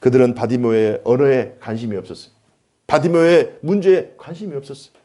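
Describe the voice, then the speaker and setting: A man's voice: medium pitch, lively intonation, quick pace, mellow. A man preaching a sermon as pastor in a church, driving his points home with repeated, building phrases. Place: church sanctuary.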